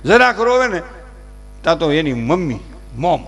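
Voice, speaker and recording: A man telling humorous folk stories to a live audience, animated and preachy, acting out characters as he goes. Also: high-pitched, moderate pace. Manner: animated, acts out characters and preaches with raised emphasis. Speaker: folk storyteller at a dayro.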